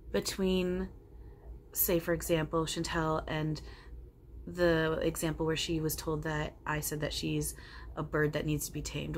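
A woman medium channeling a blunt, loving, foul-mouthed male spirit, speaking in an emphatic, preachy and reassuring way. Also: sits low. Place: home living room. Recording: noticeable background room noise.

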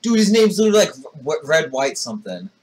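A man's voice: a little high, sing-song, quick pace, breathy edge. A young man casually commenting on a game with a friend, playfully reading story text aloud. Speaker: let's play co-player.

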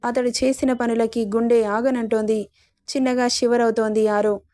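A woman reading a romance story aloud as a storyteller, in a soft, dreamy narration. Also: on the high side, flat delivery, normal speed, no echo.

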